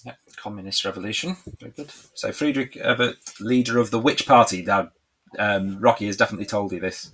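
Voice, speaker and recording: A man's voice: fairly low pitch, fairly quick, a bit bright, breathy edge, rough recording. A man co-hosting a casual live quiz lesson as a tutor, light-hearted and encouraging.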